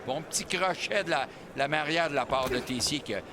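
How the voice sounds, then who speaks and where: A man's voice: a little high, a little fast. A man with a Quebec French accent giving live boxing analysis, conversational and explanatory, repeating words as he searches for them. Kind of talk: live colour commentary. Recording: noisy venue behind commentary.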